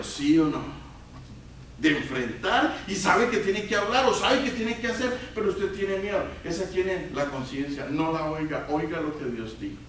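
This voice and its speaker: A man preaches in a church sanctuary, his fairly high voice ringing through a very reverberant hall and picked up from a distance. He keeps tossing questions to the congregation and swings from loud emphatic peaks to quiet low asides. A faint hiss sits under the room sound. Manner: call-and-response questions to the congregation. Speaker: pastor. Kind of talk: sermon.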